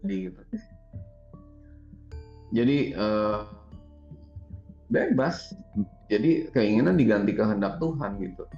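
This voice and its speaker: A man, a spiritual teacher explaining ideas in a relaxed, chatty way and laughing often. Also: lowish voice, slow pace, pauses often, faint music behind. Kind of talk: casual conversational teaching. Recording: roomy, slightly dull recording.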